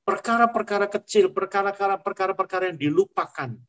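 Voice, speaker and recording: A man's voice: sits high, fast, a bit bright, dull audio. A man, an airline pilot telling his faith testimony in an earnest, conversational way, slipping in English phrases.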